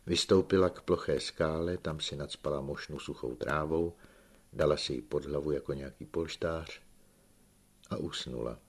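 A man reading a novel aloud as an audiobook narrator, in measured, unhurried scripted narration. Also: extremely low pitch.

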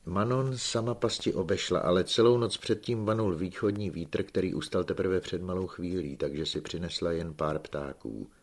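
A male audiobook narrator reading a novel in measured, unhurried scripted narration. His voice is very deep with a gravelly, fry-laden texture and a husky grain.

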